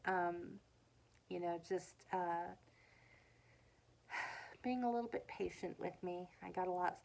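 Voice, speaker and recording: A woman rambling casually in a vlog from her living room, filming on a handheld phone, with many fillers and soft laughs. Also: fairly low pitch, rough recording. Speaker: vlogger.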